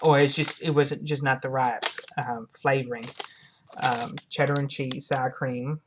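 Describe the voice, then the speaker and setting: A woman with a low-pitched voice talks through a casual product review for her viewers. Her delivery is halting, as she repeats and rewords phrases while she goes. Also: fairly even intonation, very noisy.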